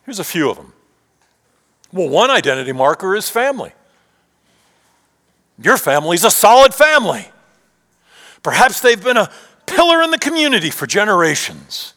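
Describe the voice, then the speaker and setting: Preacher guy, high voice, swoops up and down a lot, big echoey hall. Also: sing-song, normal speed, pauses often, bright, forceful tone. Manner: rhetorical questions, rising and dropping to near whisper. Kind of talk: sermon. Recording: long hall reverb.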